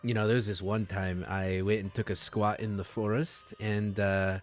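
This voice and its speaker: A man voicing an old, bow-legged male dwarf leader who spins rambling, chummy yarns in a rough folksy accent. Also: fairly low pitch, flat delivery, moderate pace, faint music behind, close to an everyday voice. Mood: jovial. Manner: chummy, rambling yarn-spinner.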